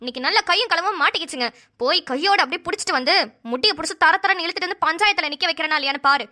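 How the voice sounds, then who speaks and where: A woman voicing a loud, dramatic village grandmother in a cartoon who scolds and wails. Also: extremely high pitch, racing. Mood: scolding.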